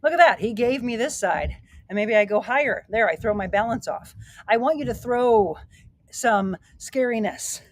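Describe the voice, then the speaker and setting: A woman's voice: fairly high pitch, normal speed, no room sound. Middle-aged lady coaching a workout outside, upbeat and encouraging, bit breathless, dry close sound. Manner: energetic, encouraging, talks while exercising. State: slightly out of breath. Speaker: fitness and wellness coach hosting a live stream. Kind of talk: live-streamed workout and motivational talk. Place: outdoors at her home, by a grilling area.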